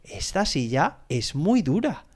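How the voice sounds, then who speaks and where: A man's voice: fairly high pitch, very animated, slow, heavily acted. A man voicing a curious little girl in a children's storybook reading. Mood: surprised.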